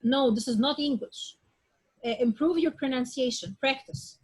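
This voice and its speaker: A woman's voice: high-pitched, moderate pace, darkish tone, slightly rough, low-quality recording. A woman teaching English pronunciation in class, drilling example words one by one and often checking with "okay?". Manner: drills word sounds aloud one at a time.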